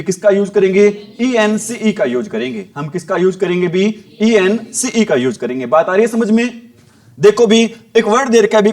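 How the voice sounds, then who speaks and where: High-voiced Hindi teacher quizzing his class. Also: darkish tone. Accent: Haryanvi Hindi. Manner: asks students questions and answers them himself, repeating each rule. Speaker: spelling teacher. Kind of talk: classroom lesson.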